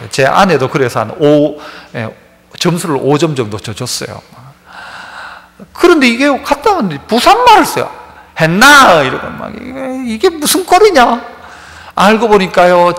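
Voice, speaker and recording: A man's voice: a little high, very animated, normal speed, gravelly, a bit bright, in a large hall. A man with a Gyeongsang Korean accent, a pastor preaching a sermon in a church, who acts out everyday dialogues in a casual voice. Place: church sanctuary.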